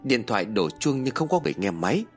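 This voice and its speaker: A man narrating a scripted horror story with dramatic, expressive delivery. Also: on the low side, fast, faint music behind.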